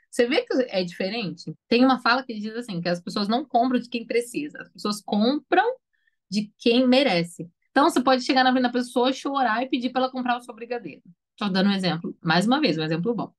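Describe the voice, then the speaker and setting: A Brazilian woman teaching storytelling in a lively, conversational online lesson, now and then acting out example lines. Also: on the high side. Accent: Brazilian Portuguese.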